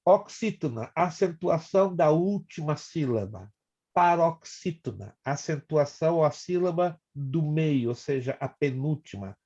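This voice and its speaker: A pastor with a Brazilian Portuguese accent teaches an online Bible class over a video call, explaining step by step in a chatty, teasing manner. His voice is on the high side and dark in tone, with lively intonation and a measured pace, though the recording is muffled.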